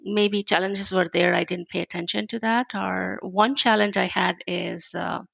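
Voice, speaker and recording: A woman from India with an Indian accent, a guest in an interview, telling her story in a lively way and acting out the dialogue. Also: medium pitch, moderate pace, creaky, no room sound, lo-fi sound. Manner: animated storyteller who acts out dialogue. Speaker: guest, spa owner.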